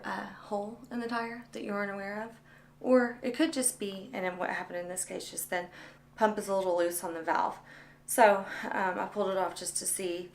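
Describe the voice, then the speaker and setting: A woman vlogger talking casually through a repair demonstration, out of breath from working a hand pump and filling pauses with ums. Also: mid-range voice. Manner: chatty, many ums, pauses while pumping.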